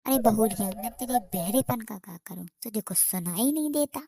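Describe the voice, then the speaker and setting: A woman's voice: a little high, lively intonation, normal speed, gravelly, warm tone. A woman voicing a lazy, grumbling old mother-in-law who scolds and suspects her daughter-in-law in rustic speech.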